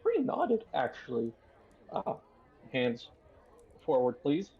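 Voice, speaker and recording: A man narrating a tabletop game as game master, unhurried and hesitant, with many fillers. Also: medium pitch, wildly swooping pitch, breathy edge, dull audio.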